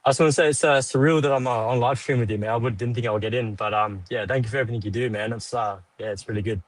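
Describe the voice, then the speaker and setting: A young man in his twenties, calling in to a live stream over a choppy video call, talking haltingly with lots of fillers. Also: medium pitch. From Australia. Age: 20s. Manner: hesitant, halting, many fillers. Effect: caller heard over a glitchy live video call connection.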